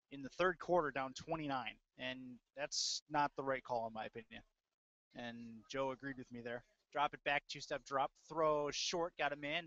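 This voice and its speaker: This announcer's voice sits fairly high and a bit bright as he delivers live football play-by-play in clipped fragments, pausing for hesitant asides. He's close-miked on an audio-only stream, and the audio is dull, lo-fi and dry.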